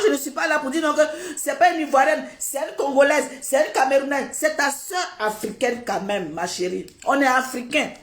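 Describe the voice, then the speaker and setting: A woman's voice: high-pitched, echoey room. A woman giving indignant livestream commentary, repeating rhetorical questions and laughing between them.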